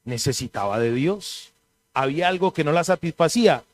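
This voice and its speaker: Lively preacher man. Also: a little high, moderate pace. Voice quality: clears throat now and then. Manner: animated storytelling, mimics voices in anecdotes. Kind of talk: sermon.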